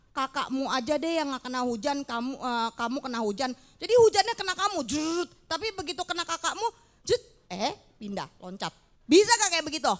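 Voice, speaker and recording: A woman teaching children a Bible lesson. Her voice is high, and her delivery is chatty and lively. She keeps turning to the kids with questions. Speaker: Sunday school teacher.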